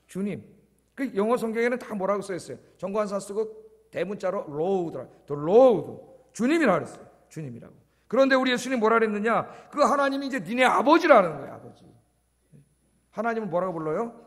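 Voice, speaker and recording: In a church sanctuary, a male pastor with a high voice preaches a sermon, posing questions to the congregation, answering them himself and repeating key words for emphasis. A long reverb tail trails his voice.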